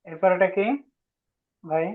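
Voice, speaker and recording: A man's voice: high-pitched, level tone. A man teaching Arabic letter pronunciation in an online class, patiently drawing out sounds and calling on students. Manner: patient, drawn-out demonstration of sounds, calls on students. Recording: tinny phone-like line.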